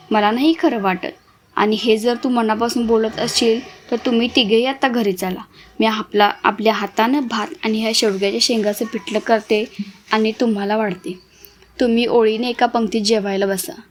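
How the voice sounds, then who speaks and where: Woman doing a pleading young orphan girl, tearful, emotional, higher pitch, storybook reading. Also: close to an everyday voice.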